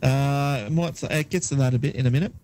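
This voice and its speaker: A man's voice: medium pitch, brisk, dark tone, a little hiss or hum. A man co-hosting a casual podcast, reading odd news items aloud with hesitant fillers and frequent laughs. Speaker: podcast co-host.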